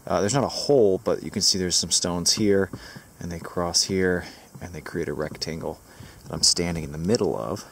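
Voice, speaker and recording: A man's voice: sits low, normal speed, a little hiss or hum. A man in his thirties hosting a casual outdoor vlog, enthusiastically explaining his finds as he walks through a forest. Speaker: metal detecting channel host.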